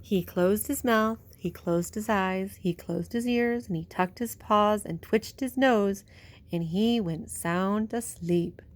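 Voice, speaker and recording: Reading a picture book aloud for young children, a woman with a mid-range voice stretches out her phrases expressively in a bedtime-story style. She goes slowly, and there's a little hiss or hum in the audio.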